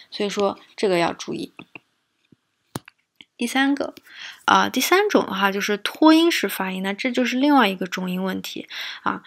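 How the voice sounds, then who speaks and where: A young woman teaching English pronunciation in a lesson, explaining patiently and repeating example words slowly. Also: medium pitch, vocal fry, a bit bright. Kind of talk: exam prep lesson with spoken demonstrations.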